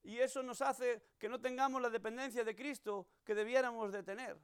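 A man's voice: very high-pitched, steady tone, fairly quick, clear, resonant tone. A man preaching a sermon, telling stories and acting out the voices he quotes. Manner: storytelling, acts out quoted voices.

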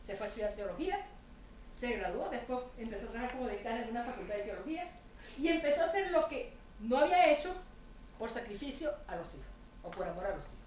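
A woman's voice: on the high side, expressive, quick pace, a little mellow, a little hiss or hum. A woman giving a chatty, humorous sermon to a women's group, often putting rhetorical questions to her listeners. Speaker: women's ministry speaker. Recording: echoey room with faint ambience.

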